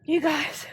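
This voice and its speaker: A woman reacting to a movie on her first watch at home, emotional, loud and swearing freely. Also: slight background noise. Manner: emotional, loud and profane outbursts.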